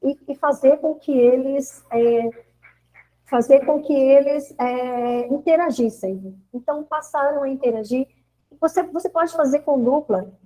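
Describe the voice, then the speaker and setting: Brief: Brazilian woman teacher, high voice, lively storyteller who acts out classroom exchanges. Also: unhurried, rough recording. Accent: Brazilian Portuguese. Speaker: schoolteacher sharing classroom experience. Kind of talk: informal spoken account in a course discussion.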